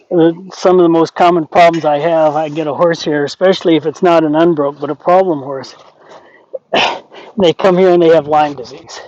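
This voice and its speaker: A man's voice: on the high side, a little mellow, no echo. An older man working as a horse trainer, explaining things in casual talk and often acting out imagined quotes. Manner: conversational, acts out imagined quotes. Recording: dull lo-fi audio.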